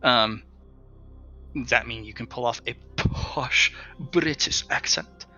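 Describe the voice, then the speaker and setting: A man's voice: medium pitch, takes it slowly, pushed and bright, lo-fi sound, faint music behind. A man running a tabletop game as game master, setting rules in a playful, teasing way. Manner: playful, teasing rule-setter.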